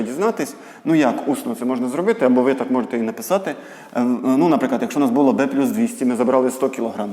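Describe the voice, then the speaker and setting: A man's voice: medium pitch, warm tone. A man explains a math homework problem step by step, thinking aloud with fillers as he writes. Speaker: math tutor. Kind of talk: homework explanation while writing. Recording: echoey room with long reverb.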